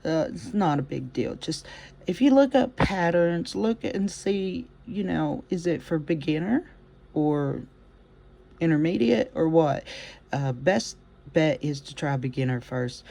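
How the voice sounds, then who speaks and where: A crochet teacher with a mellow, warm voice walks through stitches in a relaxed, chatty way. The phrasing is folksy and homespun, full of gentle encouragement. Each step gets spoken aloud as the hands work. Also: medium pitch, a little slow, vocal fry. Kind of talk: casual step-by-step craft demonstration.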